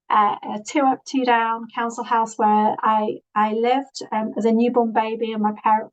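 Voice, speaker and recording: Female presenter, Yorkshire accent, a bit high, earnest, lots of ums, video-call sound. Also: low-quality recording. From England. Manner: earnest, many fillers and restarts. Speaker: guest presenter. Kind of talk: online presentation.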